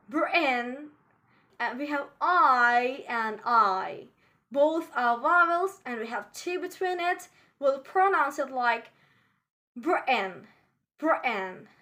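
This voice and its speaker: A woman teaching a pronunciation lesson, addressing viewers directly and repeating model words slowly for them to copy. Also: high voice, pushed and bright.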